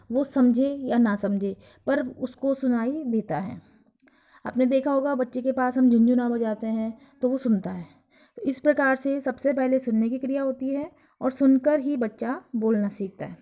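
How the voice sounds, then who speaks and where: A woman teacher giving a recorded lesson, explaining slowly and acting out examples. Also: fairly high pitch, warm tone. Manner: slow, explanatory, acts out examples. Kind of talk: recorded lecture on teaching Hindi.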